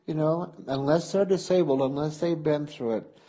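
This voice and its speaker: A man close to sixty with a Minnesotan accent talks in a husky, slightly breathy voice. He tells his stories with animation and frequent laughter, in a relaxed conversation recorded for an oral history interview. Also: on the high side, moderate pace, rough recording. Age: 50s. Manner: lively, laughs often, animated storytelling. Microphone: close interview mic.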